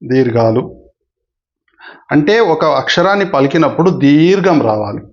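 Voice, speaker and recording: A man's voice: a little high, expressive, normal speed, lo-fi sound. A man teaching a grammar lesson for exam candidates, who explains patiently, repeats the key points and addresses his viewers politely.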